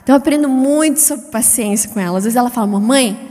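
A middle-aged woman preaches in a high voice, lively and chatty, swinging between loud peaks and soft asides. Long reverb from the church hall trails every phrase. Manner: lively, chatty, wide swings in pitch and loudness; self-described fast-paced. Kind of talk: sermon.

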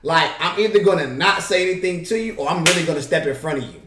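A man with a somewhat high voice chats on a podcast with animated, playful energy, full of slang and acted-out asides. He sounds a little distant from the mic. The room around him echoes noticeably. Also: fast, background noise. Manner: animated, playful, slangy, acts out bench banter. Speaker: podcast co-host, assistant basketball coach. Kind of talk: casual podcast chat.

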